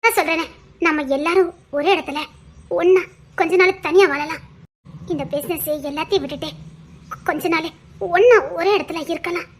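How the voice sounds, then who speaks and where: A woman's voice: extremely high pitch, normal speed, pauses often, slight background noise. A woman acting a frightened young wife who pleads tearfully with her husband in a family drama. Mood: worried.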